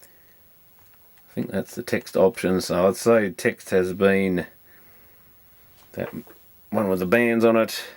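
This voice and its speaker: A man with a deep voice speaks slowly and keeps his intonation fairly even, pausing often. He's an electronics repairer presenting a video, thinking aloud in a casual, rambling, matter-of-fact way as he works hands-on through the electronics.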